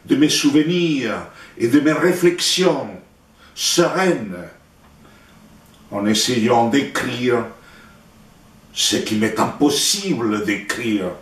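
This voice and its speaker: A poet from Santiago, Chile reads his work aloud in his native Spanish, carrying a Chilean accent. His medium-pitched delivery is solemn and declamatory, with deliberate pauses between brief phrases. The sound is distant and roomy with echo.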